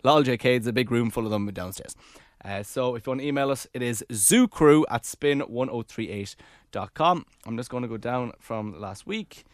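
A man's voice: mid-range voice, moderate pace, hardly any pauses, no echo, clean studio sound. A young Irish-accented man chatting casually and animatedly as co-host of a radio podcast.

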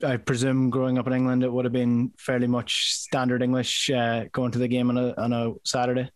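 A man's voice: mid-range voice, monotone, brisk, no room sound, studio quality. A man hosting a football podcast, chatty and conversational, asking several questions in a row. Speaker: podcast host.

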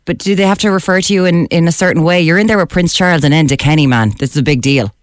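A woman's voice: fairly low pitch, fast talker, no room sound. Female Irish radio presenter. Casual, enthusiastic, joking chat style, very dry close recording. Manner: informal, jokey, enthusiastic. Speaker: radio host. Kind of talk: casual chatty radio interview.

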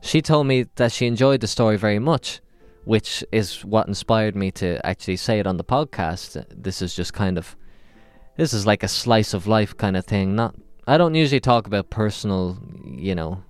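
Man, low smooth voice, rambling deadpan podcast storyteller. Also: moderate pace, no echo. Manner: rambling, self-interrupting and deadpan. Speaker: podcast host. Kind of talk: comic storytelling monologue.

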